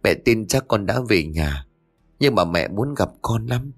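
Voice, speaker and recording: A man's voice: lowish voice, expressive, a little slow, soft background music. A man voicing a grieving middle-aged mother who pleads tremulously for her dead daughter. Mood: tender.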